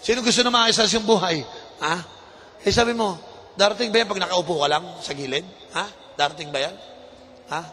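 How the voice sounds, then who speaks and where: A man with a Filipino accent preaching a lively, humorous sermon, mixing Tagalog and English and acting out little scenes for the congregation. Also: sits high, fairly quick, slight background noise. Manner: animated, mixes Tagalog and English, acts out anecdotes in changing voices. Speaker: bishop preaching. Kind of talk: lively sermon with humor and audience call-and-response. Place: church hall. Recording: reverberant hall with faint ambience.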